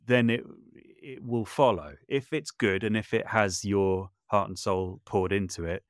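A low-voiced man, recorded with studio clarity and no echo, speaks as a podcast guest who makes audio dramas and composes music. He reflects thoughtfully, often hedging or correcting himself mid-thought.

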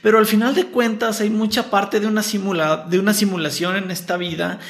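A man's voice: sits high, little pitch movement, a little fast. A man hosting a podcast, thinking aloud in a friendly way with his guest. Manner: friendly, reflective, calls guest "hermanito". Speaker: podcast host. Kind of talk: casual interview chat.

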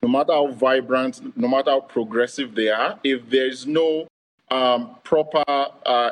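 A man's voice: medium pitch, poor audio. A man answering as a panel guest in a methodical way, with many fillers.

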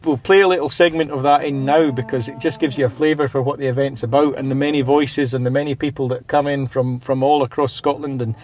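A man's voice: mid-range voice, steady tone, fast, hardly any pauses, a little mellow. A man hosting a podcast in casual conversation. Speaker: podcast host.

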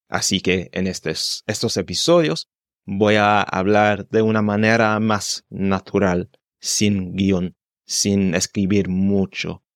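A man in his twenties, a native English speaker, hosts a solo podcast from his home in London, speaking careful, unscripted learner's Spanish with small restarts. His voice is on the low side and smooth. The clean studio sound has no room sound.

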